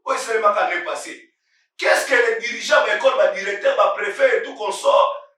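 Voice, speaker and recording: A high-voiced man with a bright, ringing tone preaches. He repeats himself for emphasis and climbs into shouts. His voice is picked up from a distance in a heavily echoing room. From Congo. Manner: emphatic and repetitive, rising into shouts. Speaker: pastor. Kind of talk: impassioned sermon on current events. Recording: very echoey room, voice far from mic.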